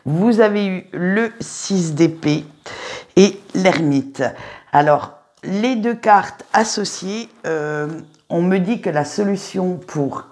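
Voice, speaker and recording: A woman with a slightly low voice reads tarot cards for her viewers in a casual, conversational way. She talks to them directly and often hesitates, filling pauses and restarting her sentences. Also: a little mellow. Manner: hesitant, many fillers and restarts; chatty, addresses viewers directly. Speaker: tarot reader. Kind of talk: casual tarot reading to camera.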